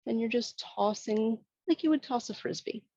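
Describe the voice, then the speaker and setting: A woman instructor giving serene, soothing tai chi cues, gently guiding movement and breath in an unhurried way. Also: a little high, breathy edge, no room sound, lo-fi sound.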